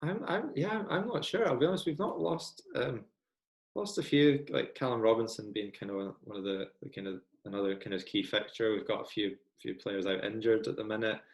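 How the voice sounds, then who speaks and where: Young Scottish man, low voice, relaxed chatty podcast guest, echoey room. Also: fairly quick. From Scotland. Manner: chatty, self-deprecating, many ums. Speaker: guest football fan. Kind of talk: casual podcast chat.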